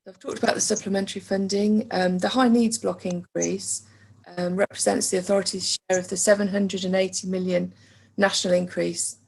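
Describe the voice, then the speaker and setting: A woman with an English accent who is losing her voice, presenting school funding figures to a council meeting over a video call in a measured way with frequent ums. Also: mid-range voice, little pitch movement, gravelly, a little mellow, slightly rough. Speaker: council finance officer.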